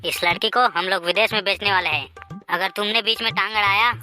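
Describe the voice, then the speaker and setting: A menacing male thug, played by a woman, barks curt threats in a Chhattisgarhi accent. The pitch is middling. Loud music runs behind this cartoon scene. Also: steady tone, a little fast, natural voice. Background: background music.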